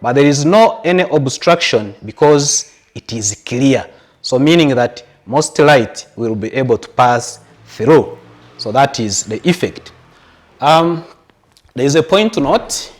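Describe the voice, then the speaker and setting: A man with a Ugandan English accent gives a televised science lesson at a slow, unhurried pace. His pitch sits in an ordinary middle range. He explains patiently, stacking up everyday examples. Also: lively intonation. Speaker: teacher.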